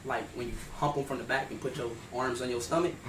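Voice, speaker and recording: A young man streaming live, loud and hyped, then dropping to nervous mutters. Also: mid-range voice, fairly even intonation, fast talker, distant mic. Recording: roomy, off-mic with hum.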